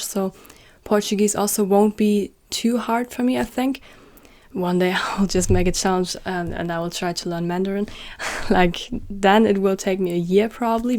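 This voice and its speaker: Here the German-born YouTuber, who comes from the country's north, talks chattily to her vlog camera, joking about herself and leaning heavily on "like." Her voice is mid-range and a little mellow.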